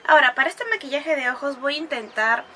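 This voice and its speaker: A woman's voice: high-pitched, animated, fast talker, over music. A woman talking through a makeup tutorial, chatty and explaining each step as she goes, with bursts of gushing praise for the products. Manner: gushing exclamations over products. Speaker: beauty vlogger.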